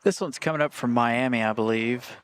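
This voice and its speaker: A man's voice: medium pitch, brisk. A man hosting a plane spotting livestream with casual, conversational live commentary. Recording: faint ambient noise.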